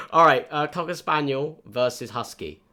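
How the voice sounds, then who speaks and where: A man's voice: fairly high pitch, measured pace, sharp tone. A young man hosting a casual podcast chat with friends, running a dog vote and easily amused. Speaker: podcast host.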